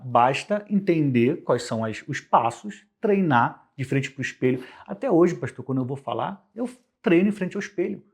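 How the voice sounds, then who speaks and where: A man with a Brazilian Portuguese accent, a guest on a podcast, explaining communication with lively everyday examples. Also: mid-range voice, breathy edge. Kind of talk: conversational podcast interview.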